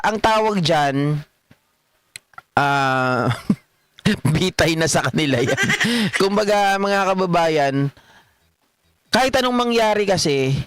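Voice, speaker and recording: Filipino guy doing a live political stream, chatty, laughs a lot, highish voice. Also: fairly bright tone, clean tone, no echo. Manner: chatty, laughs often, addresses viewers. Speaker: political livestream host. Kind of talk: casual live commentary reading chat.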